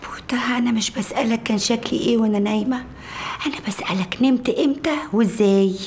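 A woman's voice: high voice, very animated, normal speed, darkish tone. A woman acting in a film as an affectionate, puzzled new bride speaking Egyptian Arabic. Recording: echoey, very noisy old film sound.

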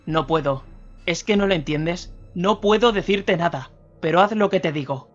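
A man's voice: fairly high pitch, moderate pace, lightly acted. Anxious but firm older man, read by a male narrator; urgent delivery over faint music. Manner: urgent, insistent. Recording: slightly dull radio recording, faint music.

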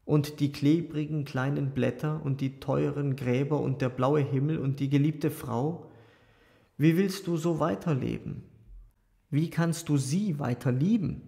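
A man's voice: fairly high pitch, unhurried, gravelly, dark tone. A man voicing an earnest young monk in an audiobook reading, pleading and urgent. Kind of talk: audiobook character voice.

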